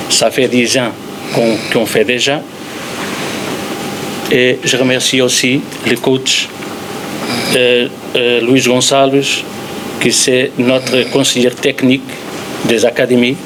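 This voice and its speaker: A non-native speaker, a man with a foreign Iberian accent, giving a halting, semi-formal speech as a president at a press conference. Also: medium pitch, background noise. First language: not French.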